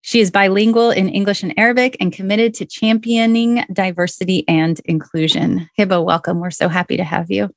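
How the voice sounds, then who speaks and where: A woman's voice: medium pitch, fairly even intonation, fairly quick, few pauses, no room sound, studio quality. A woman hosting a health podcast, effusive and enthusiastic as she introduces and questions her guest. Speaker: podcast host, nurse practitioner.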